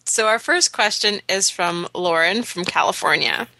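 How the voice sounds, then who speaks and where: A woman co-hosting a podcast, easygoing and quick to laugh. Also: lowish voice, gravelly, bright, forceful tone, a little hiss or hum, rough recording. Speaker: podcast co-host. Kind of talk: casual chat.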